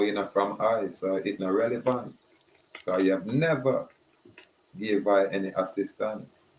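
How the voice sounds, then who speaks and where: A man giving a slow, emphatic preaching monologue. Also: fairly low pitch, slight background noise. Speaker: spiritual speaker. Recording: roomy echoey recording.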